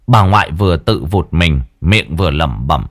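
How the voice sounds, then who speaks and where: A man's voice: lively intonation, moderate pace, fairly bright tone, no echo, clean studio sound. A man narrating a horror story in a dramatic, tense way. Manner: dramatic, tense storytelling with wide swings in pitch. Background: faint background music.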